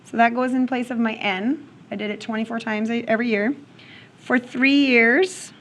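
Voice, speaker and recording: A fairly high-pitched woman teaching a math lesson to a room of students. She talks through each step aloud and keeps checking in with the class. A faint hum of ambient noise sits under her voice. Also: steady tone, normal speed, a bit bright. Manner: checks in with questions, frequent "okay?".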